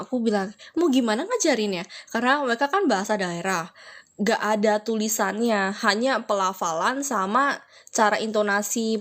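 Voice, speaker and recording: Chatty young woman tutoring Mandarin. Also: mid-range voice. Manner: chatty, slows down to spell out Mandarin phrases. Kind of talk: casual live lesson answering viewers.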